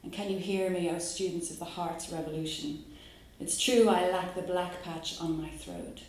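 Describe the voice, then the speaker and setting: With a fairly low pitch and a steady, darkish tone, a Dublin woman talks her audience through her poems, hesitating on fillers, before reading them live. The room is very echoey.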